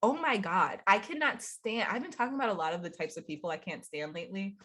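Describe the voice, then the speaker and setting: A woman's voice: medium pitch, fast talker, a bit bright. Congested young woman chatting to camera, upbeat and laughy, coaching vibe. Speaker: spiritual coach and channel host. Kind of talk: casual talking-to-camera advice.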